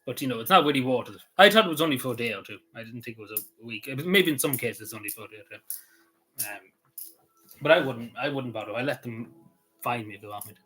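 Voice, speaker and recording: An Irish man chats casually on a livestream, rambling through answers to his viewers' live chat with lots of "you know" and restarts. His mid-range voice is fairly bright, with lively intonation and a quick pace, though the audio quality is poor.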